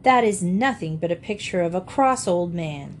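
A woman reading aloud voices a lively, confident young girl who speaks blithely and with impatient scorn. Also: on the low side, normal speed, slight background noise. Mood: scornful.

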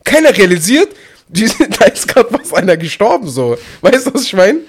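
A young man telling a wild holiday story in casual chat, acting out shouts and quotes. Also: high voice, normal speed, husky. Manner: animated, acts out shouts and quotes. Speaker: podcast co-host.

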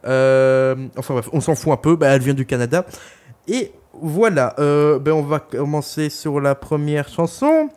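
A man's voice: fairly high pitch, lively intonation, measured pace, a little mellow, clean tone. A young man co-hosting a podcast, chatting casually and crudely about an album, rambling with lots of fillers. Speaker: podcast co-host reviewing an album. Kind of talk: casual chat.

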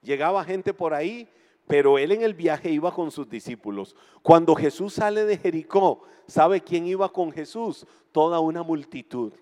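A middle-aged Costa Rican man preaching a dramatic sermon, swinging from quiet talk to shouted passages. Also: fairly high pitch, animated, moderate pace, in a large hall. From Costa Rica. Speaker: pastor.

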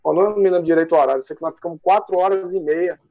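Animated high-voiced man telling stories. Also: rapid-fire, no room sound, muffled recording. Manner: animated, rambling with many fillers. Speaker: guest athlete. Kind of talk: casual interview storytelling.

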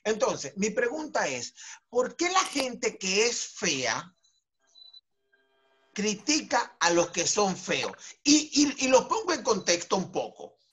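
A man with a Venezuelan Spanish accent telling a story in a casual chat with friends, slangy and animated. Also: sits high, slow, breathy edge.

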